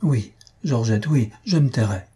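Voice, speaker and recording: A man's voice: medium pitch, expressive, measured pace, warm tone, husky. A man voicing a feverish young man in love, eagerly pleading with the woman at his bedside.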